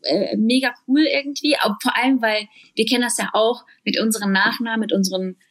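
A woman's voice: on the high side, fairly even intonation, brisk, fairly bright tone. A woman co-hosting a casual talk show, chatting loosely with many fillers and bits of English mixed in. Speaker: podcast co-host. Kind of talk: casual chat.

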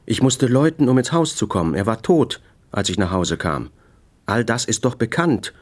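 A man's voice: medium pitch, lively intonation, moderate pace, pitched above the performer's own voice, natural voice. A man reading a novel aloud, voicing a proud, wounded upper-class wife who answers with indignant sarcasm. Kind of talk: audiobook character voice.

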